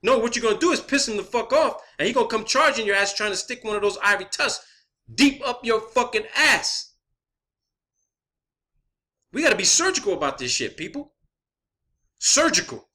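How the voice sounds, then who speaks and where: An online video creator, a man with a high, sing-song voice that sounds pushed and bright, delivers an unscripted, profane rant at a moderate pace with frequent pauses. He's blunt and emphatic, often repeating phrases for emphasis.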